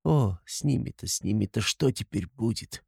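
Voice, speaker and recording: A man's voice: lowish voice, expressive, normal speed, gravelly, darkish tone, husky, no echo, studio quality, exaggerated voice. A man voicing a desperate, pious young woman who pleads and exclaims fervently in a storybook reading. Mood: anguished.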